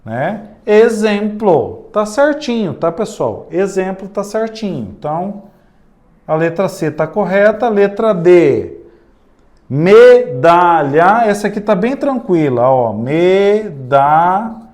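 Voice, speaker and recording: A man with a Brazilian Portuguese accent teaching an exam-prep grammar lesson, often turning to the class and saying words slowly, syllable by syllable. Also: sits high, sing-song, a little mellow.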